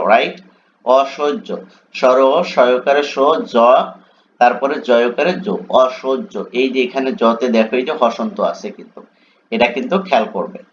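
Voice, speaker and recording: A man coaching exam students, spelling out words letter by letter and checking often whether they follow. His voice sits at an ordinary middle pitch. The recording sounds dull and lo-fi, with a faint hiss of background noise. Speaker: teacher.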